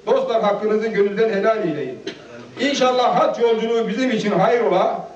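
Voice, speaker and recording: A man in his fifties giving a halting, nervous speech at a gathering and reciting a heartfelt poem. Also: high voice. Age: 50s. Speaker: guest speaker at a farewell gathering. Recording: echoey, distant, dull lo-fi home video.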